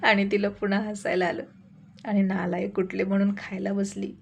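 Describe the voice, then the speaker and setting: A woman's voice: medium pitch, little pitch movement, moderate pace, vocal fry, slight background noise. A woman narrating a family story in a chatty way with mocking asides.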